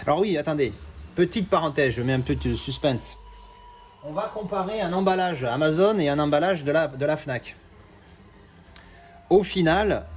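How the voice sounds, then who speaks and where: A man, chatting excitedly through an unboxing, full of fillers and self-corrections. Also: on the high side. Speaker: collector unboxing discs. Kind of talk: casual unboxing vlog.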